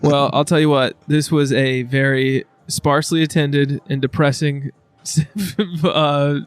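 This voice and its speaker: A man's voice: a little high, little pitch movement, takes it slowly, clean tone, no echo, faint music behind. A man co-hosting a podcast, bantering bluntly and with lots of swearing. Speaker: podcast co-host. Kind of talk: casual chat.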